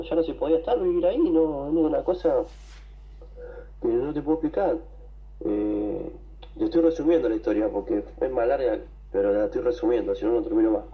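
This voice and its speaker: A man with an Argentine accent, telling a story to a radio show, excited and rambling, with coughs and throat clearing. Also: mid-range voice, dull audio. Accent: Argentine Spanish. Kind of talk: casual storytelling.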